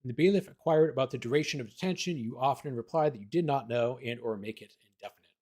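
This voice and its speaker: A man hosting a livestream as an attorney, reading court documents aloud and commenting casually, his voice tiring and going hoarse. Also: medium pitch, fast, darkish tone. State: losing his voice.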